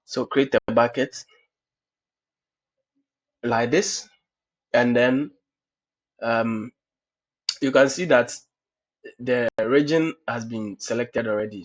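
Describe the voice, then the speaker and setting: A man hosting a cloud lab tutorial via screen recording has a cold and explains step by step, peppering his speech with "okay, so." His mid-range voice has a breathy edge, and the screencast audio is dull and lo-fi.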